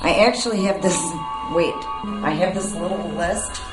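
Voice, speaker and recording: A woman's voice: lowish voice, normal speed. Sassy woman horror host in a roomy space. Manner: sassy, flirtatious. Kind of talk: playful horror host banter. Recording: roomy sound with music behind. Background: music.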